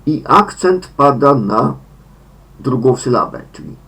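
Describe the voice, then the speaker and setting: A man with a Polish accent, a Polish speaker teaching English pronunciation, slowly repeating each word in sets of three. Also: mid-range voice, lively intonation, a bit bright. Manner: slow, deliberate, repeats words in sets of three. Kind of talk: slow pronunciation lesson.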